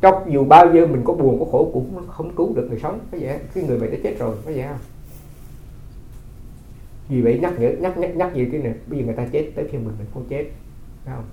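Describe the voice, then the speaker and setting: A Buddhist monk giving a dharma talk, telling stories and asking rhetorical questions. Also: male voice, mid-range voice, fast talker, mellow, a little hiss or hum. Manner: conversational storytelling with rhetorical questions. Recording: roomy, slightly dull recording.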